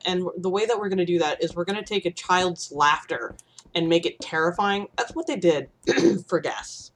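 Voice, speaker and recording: A young woman from the Midwest streaming a game, rambling and swearing freely. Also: on the low side. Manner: rambling, swears freely, sudden panicked outbursts. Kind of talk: casual gaming stream chat.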